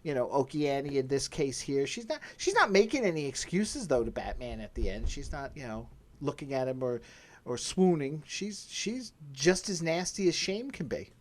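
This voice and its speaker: A middle-aged man hosts a podcast, his voice on the high side at a moderate pace. His discussion style is casual, animated and rambling.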